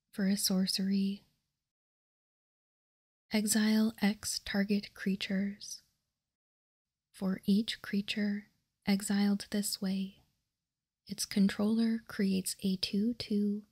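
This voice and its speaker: Reading card text aloud for ASMR, a woman keeps her voice to a hushed, breathy, unvoiced whisper right up against the microphone. Her pitch stays flat and even, and every word comes very slow and deliberate.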